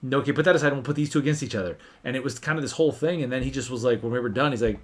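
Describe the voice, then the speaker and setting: A man hosting a casual whiskey livestream, animated and swearing freely as he tells stories. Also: medium pitch, rapid-fire.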